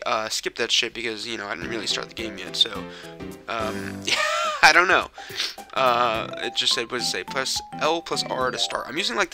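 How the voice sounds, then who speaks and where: Rambling, profane gaming host, slightly sick. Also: male voice, medium pitch. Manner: rambling, profane, self-deprecating. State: a little sick. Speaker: let's play host. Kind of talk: casual gameplay commentary. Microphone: mic hooked into a capture card. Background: video game music.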